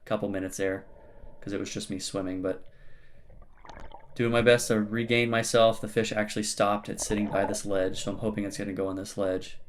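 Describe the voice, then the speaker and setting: Low-voiced man narrating his dive footage. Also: little pitch movement, a little fast, a little hiss or hum. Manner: plain-spoken, matter-of-fact, explains as he goes. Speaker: spearfishing channel host.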